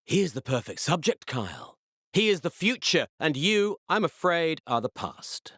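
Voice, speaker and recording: A man's voice: a little high, very animated, normal speed, a bit bright, no echo, clean studio sound. A man playing an arrogant mad-scientist villain in a video game, speaking with precise, theatrical, pompous menace. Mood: cold menace. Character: the Baron, arrogant male mad-scientist villain, cold and gloating.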